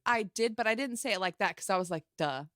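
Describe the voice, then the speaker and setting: A woman in her thirties telling a story as a podcast guest, animated and laughing as she acts out her own past thoughts. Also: mid-range voice, quick pace, no echo, clean studio sound. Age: 30s. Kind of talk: casual storytelling chat.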